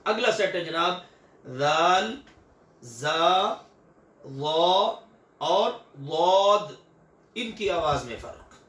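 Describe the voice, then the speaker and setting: A man's voice: fairly high pitch, sharp tone, roomy sound, far from the mic. An older man teaching Quranic recitation, patiently repeating and stretching each example sound. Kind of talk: recitation lesson with drawn-out examples.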